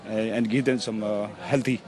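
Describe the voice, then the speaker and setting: A man from Hong Kong talks about his football club, hesitating often and restarting his sentences. He is recorded outdoors at a pitch, with faint city and traffic sounds behind him. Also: fairly even intonation. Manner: halting, many fillers and restarts. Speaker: football club team manager. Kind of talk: casual interview.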